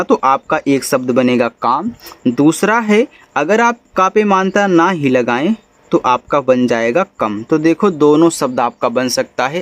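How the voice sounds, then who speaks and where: A man teaching English spelling at a slow, careful pace. His voice sits a little high, and he names each letter before sounding out the syllable it makes, like a patient tutor walking students through a lesson. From India.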